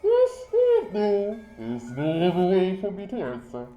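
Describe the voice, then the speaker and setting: A woman voicing a masked, cruel game sponsor through a voice changer, with slow, theatrical menace. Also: mid-range voice, huge pitch swings, mellow, muffled recording. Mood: menacing. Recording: echoey, with faint music behind.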